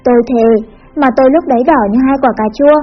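A woman reading a teen story aloud with an even, expressive narration. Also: high-pitched, quick pace. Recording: dull lo-fi with faint music.

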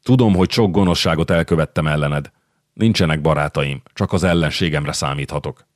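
A man's voice: a bass voice, dry recording, clean studio sound. A man reading a panicked young nobleman. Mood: pleading. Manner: pleading, anxious, confiding. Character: frightened desperate male young nobleman. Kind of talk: audiobook character reading.

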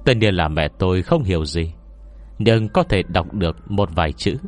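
A man's voice: deep voice, expressive, normal speed, soft background music. A man voicing a reserved scholar who solemnly recounts memories in an audiobook story. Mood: measured. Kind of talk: audiobook character dialogue.

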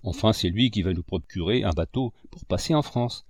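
A man's voice: fairly low pitch, moderate pace, darkish tone, husky, no room sound, studio quality, voice pushed down. A man voicing a loyal, eager young boy in an audiobook, talking earnestly to his friend.

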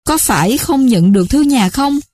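A woman's voice: high voice, expressive, normal speed, a little mellow, dry recording, clean studio sound, voice pushed up. A woman voicing a remorseful stepmother in her fifties, speaking tearfully and pleadingly in a told story.

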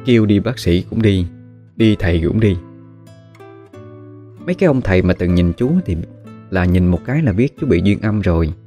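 A man narrating a horror story in a relaxed, conversational way with spoken fillers. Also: low voice, normal speed, long pauses. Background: faint guitar music.

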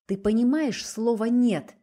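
A hurt, defiant young woman who pleads in a strained, raised voice, read by a woman narrator. Her tone is mellow but tight with resistance. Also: mid-range voice, normal speed, close to an everyday voice. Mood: pleading.

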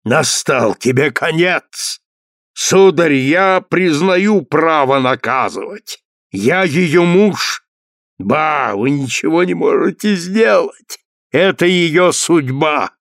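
A bitter, vengeful husband with a knife in his hand speaks slowly and grimly, weighing every word, as a male storyteller voices him. The delivery is drawn out and menacing, and the recording stays close and dry. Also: a little high, expressive, creaky, a bit bright, no room sound, heavily acted. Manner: slow, grim, deliberate declamation.

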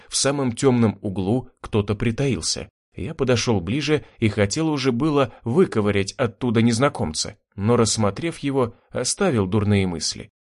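A man narrating an audiobook in the first person, wry and reflective. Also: mid-range voice.

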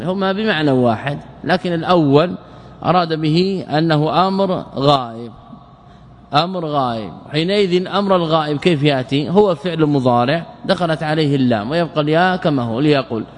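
A man's voice: a little high, big-room sound. A man teaching a classical Arabic grammar lesson as an Islamic scholar, explaining step by step and repeating words and verse lines.

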